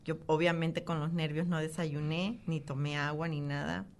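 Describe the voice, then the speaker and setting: A woman in her thirties, an interview guest, giving an emotional, halting personal testimony. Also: sits low, steady tone.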